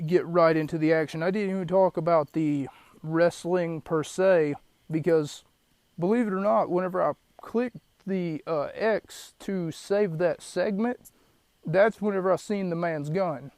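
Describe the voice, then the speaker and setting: Shook-up guy rambling thru his podcast in a parked car, kinda high voice, dry close sound. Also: a little slow, darkish tone, no room sound. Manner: rambling, shaken, many fillers. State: shaken, catching his breath. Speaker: podcast host. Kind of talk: solo podcast, wrestling recap. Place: parked car in an empty lot.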